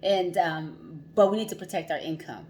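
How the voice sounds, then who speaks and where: A woman's voice: lowish voice, normal speed, a little mellow, slight background noise. A woman hosting a casual livestream as a financial coach, chatty, laughing often and repeating herself.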